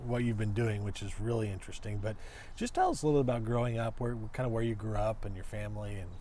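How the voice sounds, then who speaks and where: A man's voice: fairly low pitch, expressive, fast, dark tone, slight background noise. A man hosting a talk show, introducing his guest with upbeat enthusiasm and some restarts. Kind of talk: friendly interview intro and questions.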